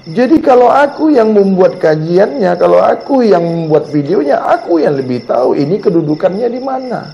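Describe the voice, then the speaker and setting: A male religious teacher, giving a repetitive, scolding Sufi sermon that rises to sharp outbursts. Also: high voice, creaky. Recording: dull sound with long reverb.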